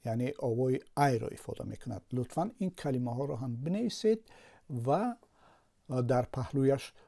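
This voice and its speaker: A man's voice: mid-range voice, animated, gravelly, mellow. A man with a Tajik Persian accent, a language teacher patiently explaining a lesson with word examples.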